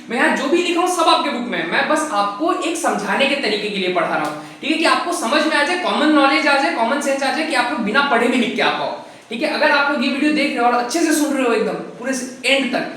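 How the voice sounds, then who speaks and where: Fast-talking male tutor, very echoey room. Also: very high-pitched, expressive, sharp tone. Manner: fast-talking, says so himself; mixes Hindi with English, slows down to read English definitions. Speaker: teacher. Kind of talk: recorded lecture explaining from handwritten notes. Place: room with board, writing notes. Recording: very echoey room, voice far from the mic.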